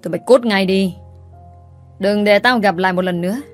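A woman voicing a fierce man who shouts threats and curses. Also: mid-range voice, a little fast, faint music behind, close to an everyday voice. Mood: furious. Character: furious tough man, fierce protector.

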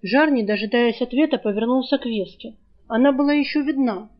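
A woman narrates an audiobook in an even storytelling manner. Her voice sits a little high, and the recording sounds dull and lo-fi. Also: fairly quick. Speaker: audiobook reader. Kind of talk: scripted narration.

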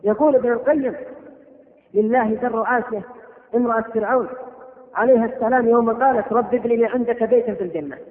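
High-voiced preacher in a tinny, echoing hall. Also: male voice, fairly even intonation, fast. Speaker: preacher giving a lecture. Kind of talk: religious lecture with recited poetry. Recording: tinny phone-like audio in an echoey hall.

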